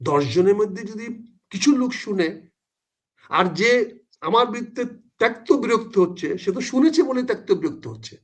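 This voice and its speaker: A man's voice: high-pitched, animated, normal speed, long pauses. An older man, a talk show guest, speaks insistently and repeats his points for emphasis. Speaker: political guest.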